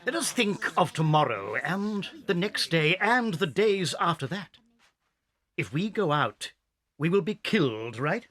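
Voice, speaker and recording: A man's voice: a little high, very animated, unhurried, fairly bright tone. A man playing a clever, triumphant fox who makes grand, persuasive speeches in a dramatized children's audiobook. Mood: genial, then serious. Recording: crowd reacting behind the voice.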